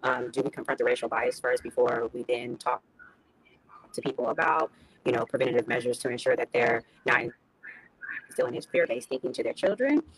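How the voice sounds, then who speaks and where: A woman's voice: a bass voice, animated, fairly quick, husky, dry recording, poor audio. A woman speaking as a panel guest over a remote call. Her audio cuts in and out, and she talks thoughtfully, restarting phrases and asking rhetorical questions. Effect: call audio cutting in and out. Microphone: remote call connection.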